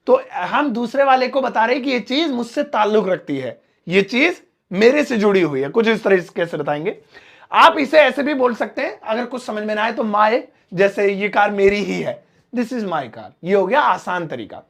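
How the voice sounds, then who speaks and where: Man teaching English slowly in Hindi. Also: sits high, animated, creaky, a bit bright. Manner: slow, stressed teaching delivery, drawing out example words. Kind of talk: spoken English lesson in Hindi.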